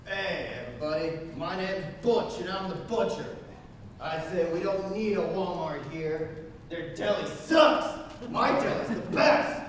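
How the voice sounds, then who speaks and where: A blunt, boastful small-town butcher, acted by a man in improv comedy. His high voice echoes heavily through a hall. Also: a little slow, distant mic, slight background noise.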